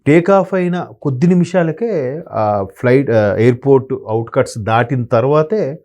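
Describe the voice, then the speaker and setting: An analyst guest offers conversational commentary in a warm, mellow, mid-pitched male voice. He is animated but hesitant, leaning on fillers and pausing frequently while searching for words.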